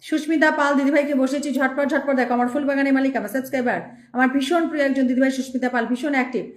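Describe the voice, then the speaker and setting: A woman's voice: high-pitched, steady tone, very fast, roomy sound. A woman hosting a live stream, reading out viewer names and thanking them one after another in speech.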